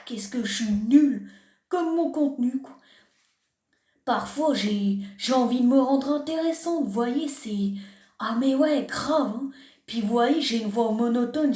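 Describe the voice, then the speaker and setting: A woman's voice: on the high side, darkish tone. A young woman, a YouTuber, reading a comment aloud and answering it with mock self-deprecating sarcasm in a casual vlog. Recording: echoey room.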